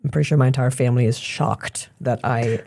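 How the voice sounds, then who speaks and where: A woman in her thirties from Germany, a gym owner chatting casually as a podcast guest, relaxed and laughing often. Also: a bass voice, a little fast, vocal fry, noisy background. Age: 30s. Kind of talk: casual interview chat.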